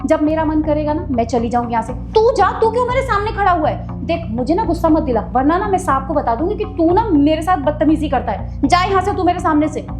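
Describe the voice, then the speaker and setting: Woman acting as a maid, very high voice, sharp-tongued, defensive, web-skit drama, music underneath. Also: lively intonation, normal speed. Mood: defensive, scolding. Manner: snappy and quarrelsome, then pleading. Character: female house maid, poor, defensive.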